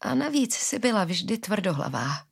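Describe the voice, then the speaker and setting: A woman reading a gentle forgiving father. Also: mid-range voice, very animated, vocal fry, slightly rough, pitched above the performer's own voice, heavily acted. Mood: earnest.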